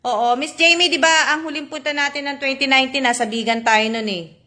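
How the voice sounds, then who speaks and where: Chatty Filipina vlogger, high voice. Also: female voice, fairly even intonation, a little fast, sharp tone. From Philippines. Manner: chatty and polite, full of fillers and tag questions. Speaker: vlogger on a live stream. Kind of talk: casual live-stream chat reading viewer comments.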